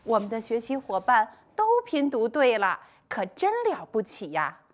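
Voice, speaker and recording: A woman teaching a first-grade class in a scripted online lesson, speaking slowly in a sing-song, encouraging way. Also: fairly high pitch, expressive. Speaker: primary school teacher.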